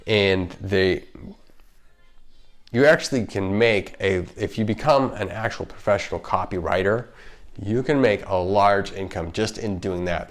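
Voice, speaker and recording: A man with a fairly low voice hosts a casual explainer video from his home. He has a slight lisp from the retainers in his mouth. His delivery is chatty and emphatic, unscripted, with sentences that often break off and start again. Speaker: video host, marketer. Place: home kitchen.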